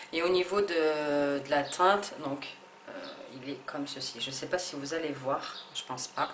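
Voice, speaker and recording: A low-pitched woman talks through a beauty haul in a casual, hesitant way, full of fillers and restarts. Her voice rings in an echoey room with a faint hum of ambience behind it. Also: steady tone, measured pace, fairly bright tone. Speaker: beauty vlogger.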